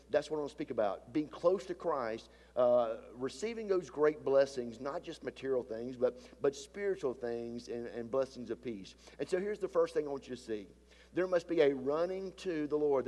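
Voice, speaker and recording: Preaching from the sanctuary, a man delivers his sermon through a nose stuffed up by a sinus issue, which deepens his usual voice. Emphasis comes as he rises in volume and slows down, and the church's long hall reverb trails each phrase.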